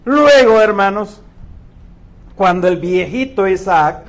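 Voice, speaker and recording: A man's voice: high-pitched, animated, takes it slowly. A man preaching a sermon as pastor, retelling biblical stories with humor and acting out the characters. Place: church. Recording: echoey church hall.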